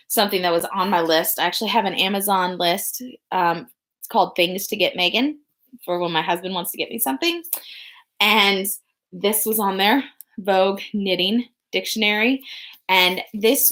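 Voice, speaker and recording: A young adult woman hosting a podcast in casual chat, rambling with many pauses and restarts. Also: medium pitch, fairly bright tone. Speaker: podcast host.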